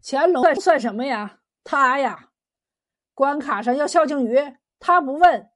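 A woman voicing a bold, defiant young fisherman in a storytelling recording, speaking loudly with a ringing, scornful edge. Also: sits high, animated, a little slow.

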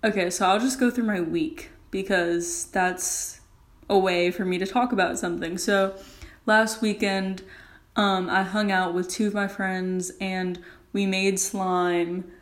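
A young adult woman chats casually into her solo podcast from a bathroom. Her delivery is informal and rambling, at a middle pitch, with "like" sprinkled throughout. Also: fairly even intonation, measured pace. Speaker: podcast host.

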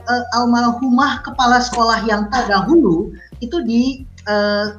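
A male guest in a casual interview, explaining at an easy pace and often trailing off with soft tag words. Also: high voice. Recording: roomy, dull sound with faint music.

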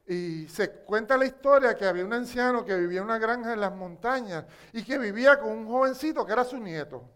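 A Puerto Rican man preaching from the pulpit, his voice pitched high for a man. He tells a story in a lively sermon and stops often to ask the congregation for a response. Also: fairly quick, smooth. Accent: Puerto Rican Spanish.

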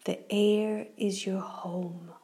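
Gently and slowly, a female host of a children's relaxation show reads out a guided meditation. Her breathy half-whisper is soft and soothing, held at medium pitch in a steady tone.

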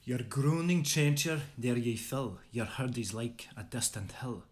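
Irish bloke in a put-on Scottish voice; declaims old verse with a theatrical roll. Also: male voice, medium pitch, expressive, measured pace, lightly acted. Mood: declaiming. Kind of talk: poetry recital.

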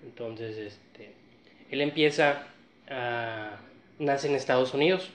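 A man's voice: medium pitch, takes it slowly. Northern Mexican man telling a story. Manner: relaxed, slangy storytelling with many fillers. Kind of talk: casual storytelling chat. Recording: echoey room, slightly dull sound.

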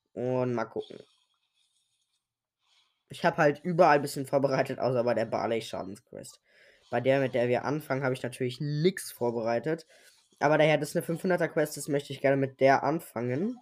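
Young man with a sick, sore-throated voice. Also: fairly high pitch. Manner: slangy, muttering to himself while playing. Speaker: host of a gaming podcast. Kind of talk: casual solo gameplay commentary.

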